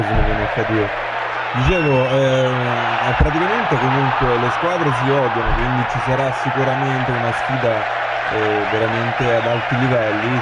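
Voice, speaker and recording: A man with a southern Italian dialect accent giving crude, mocking, foul-mouthed comic football commentary. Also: medium pitch. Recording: loud stadium crowd noise throughout.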